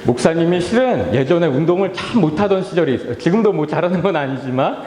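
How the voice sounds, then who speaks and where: A man's voice: on the high side, animated, quick pace, darkish tone. A man in his thirties preaching a children's sermon. He talks playfully, asks the children questions, leads call-and-response, and acts out his family and his own tired sighs. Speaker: pastor. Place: church hall. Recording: echoey hall with long reverb.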